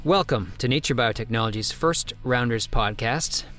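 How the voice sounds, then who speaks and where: A man's voice: mid-range voice, normal speed, fairly bright tone, faint music behind. A man hosting a science podcast interview, speaking in a conversational way with frequent restarts. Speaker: podcast host.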